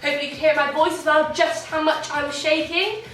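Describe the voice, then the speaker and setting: Young female dance teacher, high and bright, slightly out of breath, distant in a roomy space. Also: fairly even intonation, fast. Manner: encouraging, counts beats aloud. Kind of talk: online dance warm-up class. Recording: echoey room, distant from mic, faint music.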